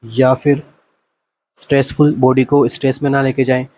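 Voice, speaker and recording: A male nursing exam coach explaining multiple-choice answers, asking rhetorical questions, answering them himself, and reading the English options out slowly. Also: mid-range voice, level tone, darkish tone.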